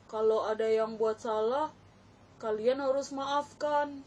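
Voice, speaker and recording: A meek child puppet boy, voiced by a woman, talking slowly and softly to the children. His words are drawn out and gentle. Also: a little high, distant mic, slight background noise.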